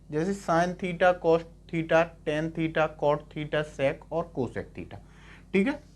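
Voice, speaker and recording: A young man teaching math in a lecture, explaining step by step and often asking "clear?" to check. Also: high-pitched. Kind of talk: classroom lecture on trigonometry.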